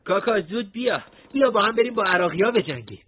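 A man voicing a bossy, hot-tempered thirteen-year-old boy in an audiobook story, speaking in fast boyish bursts. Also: extremely high pitch, highs cut off, pitched above the performer's own voice. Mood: excited.

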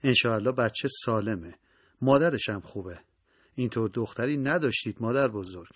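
A man's voice: medium pitch, animated, fairly bright tone, breathy edge, no echo, studio quality. A man voicing a midwife who speaks in a congratulating way, in an audiobook reading. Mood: cheerful. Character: brisk midwife bringing good news.

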